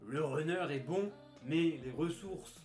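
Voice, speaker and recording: A man co-hosting a live stream, chatting and explaining in a relaxed way, often laughing as he talks. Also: on the high side, takes it slowly, faint music behind. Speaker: streamer co-host. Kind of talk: casual live stream chat. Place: bedroom studio. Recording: roomy bedroom echo.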